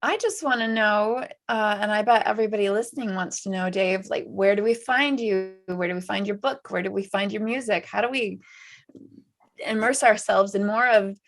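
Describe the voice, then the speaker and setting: A woman with a medium-pitched voice speaks casually. She puts questions to a guest as a co-host. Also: moderate pace. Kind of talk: casual chat.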